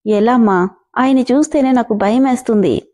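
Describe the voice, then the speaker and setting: A woman voicing a timid, tearful young newlywed wife who speaks softly and anxiously. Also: fairly high pitch, fairly quick, natural voice.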